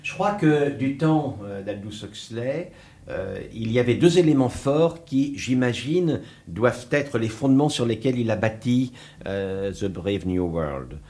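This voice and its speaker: A man's voice: mid-range voice, animated, a little mellow. A man speaking as a radio guest who explains ideas thoughtfully, with frequent hesitations. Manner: thoughtful, hesitant, many pauses. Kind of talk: radio discussion.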